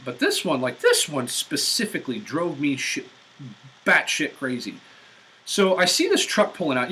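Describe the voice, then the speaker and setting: Guy ranting on a live stream about bad drivers, cussing a lot, bright punchy voice, built-in mic in his car. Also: mid-range voice, slight background noise, poor audio. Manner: profane, exasperated ranting. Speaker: vlogger. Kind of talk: live-stream driving rant. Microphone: built-in mic of a portable device.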